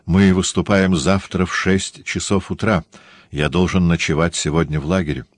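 A man's voice: deep voice, fairly even intonation, moderate pace, dry recording, clean studio sound. A man voicing a lovesick young army lieutenant who exclaims in agitation. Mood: distressed.

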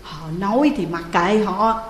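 A woman's voice: medium pitch, measured pace, echoey room, long reverb tail, slight background noise, natural voice. Woman voicing an older village mother, tearful, imploring, faint ambience. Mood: dismissive.

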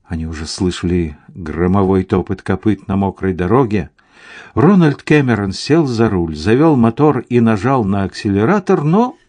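A man reads a story aloud with lively, expressive narration and an animated, swinging pitch. His voice sits in a middle register. The recording is dry and close, with no room sound. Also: dry recording. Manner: expressive storytelling, voicing each character. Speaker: audiobook narrator. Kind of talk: scripted narration.

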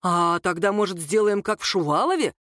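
A woman's voice: on the low side, animated, brisk, a bit bright, dry recording, studio quality. A woman voicing a stocky male thug who talks in a blunt, matter-of-fact way.

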